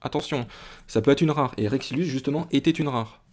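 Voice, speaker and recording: A man's voice: mid-range voice, a little fast, darkish tone. A young man from France chatting casually to viewers as he opens a box of trading cards, rambling with frequent restarts and fillers. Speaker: YouTuber opening card boxes. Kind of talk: casual chat to camera.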